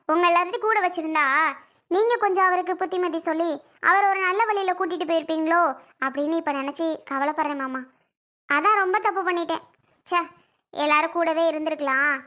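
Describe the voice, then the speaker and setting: A woman's voice: high-pitched, fairly bright tone. A woman playing a pleading, self-blaming mother in an amateur family drama skit. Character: pleading mother, wife of a failed son.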